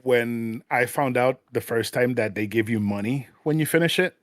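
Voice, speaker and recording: A man's voice: medium pitch, moderate pace, no echo. Male podcast guest, joking and upbeat, dry studio mic. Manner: enthusiastic, joking. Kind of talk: casual podcast chat.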